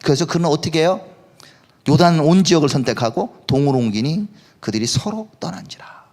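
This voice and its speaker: Animated, high-pitched male pastor preaching. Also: a little fast. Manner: conversational, asks the congregation questions. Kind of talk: sermon. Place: worship hall at a live service.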